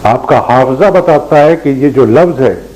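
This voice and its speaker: An older man, a former college principal, giving a lecture with anecdotes and asking his listeners questions in a measured way. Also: mid-range voice, darkish tone, poor audio. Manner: asks the audience questions, measured delivery.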